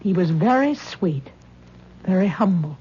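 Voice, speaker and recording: Her voice is lowish, warm, and animated with a breathy edge, moving at a measured pace and heavily acted. The actress portrays a worried middle-aged mother who frets and coaxes her grown daughter in an anxious 1970s radio drama, captured on a dull old broadcast recording.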